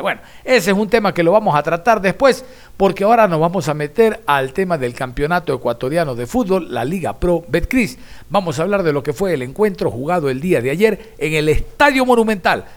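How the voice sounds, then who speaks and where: Man, Ecuadorian accent, sports talk host, emphatic, somewhat high voice. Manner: chatty, emphatic, asks himself rhetorical questions.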